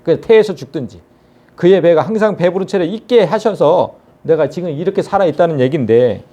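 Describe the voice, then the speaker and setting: An earnest male pastor preaching a sermon, often turning to the congregation with rhetorical questions. His voice is mellow and somewhat high, with lively rises and falls. The recording sounds dull and lo-fi. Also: fairly quick.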